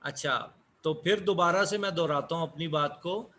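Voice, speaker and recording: A man teaching an online English class, speaking slowly and repeating key words as he explains. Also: a little high, pushed and bright.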